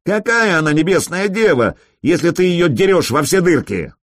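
A man voicing a drunk, brash male warrior who yells crude taunts. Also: on the high side, big pitch swings, moderate pace, no echo, clean studio sound, voice pushed up. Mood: drunk and jeering.

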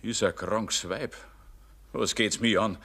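A rich man facing his end bristles with fear and brushes others off in a Bavarian radio play. His voice sits low but rings bright and clear. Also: steady tone, slow, heavily acted. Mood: anxious. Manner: agitated, brusque. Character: rich man facing death, frightened and dismissive.

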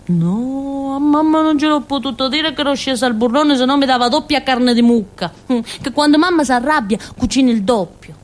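An actress performs a theatrical first-person monologue as a naive, simple-minded young village woman, speaking colloquial Italian tinged with a southern Calabrian accent. Her high, natural voice races along with few pauses as she excitedly recounts events. She talks in a rambling, childlike way full of little grunts.

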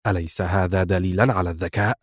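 Picture a swaggering, mocking crime boss in an audiobook, smug and taunting, his voice pitched low, as a male narrator reads him. The speech is dry and close to the mic. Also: steady tone, quick pace, husky, dry recording.

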